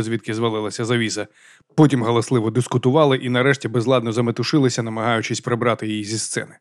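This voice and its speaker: A man reading a crime thriller aloud as an audiobook narrator, in a measured, even storytelling delivery. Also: mid-range voice, no echo, clean studio sound. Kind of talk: scripted narration.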